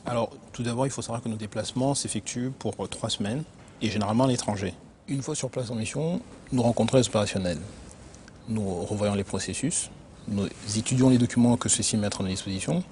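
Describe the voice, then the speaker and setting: A man who grew up in Benin, an internal auditor answering interview questions in a measured, explanatory way with frequent hesitations. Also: on the low side, a little mellow, a little hiss or hum. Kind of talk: corporate career interview.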